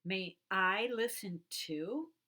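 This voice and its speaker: A woman voicing a tiny, eager young male chick who speaks high and bright. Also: extremely slow, exaggerated voice.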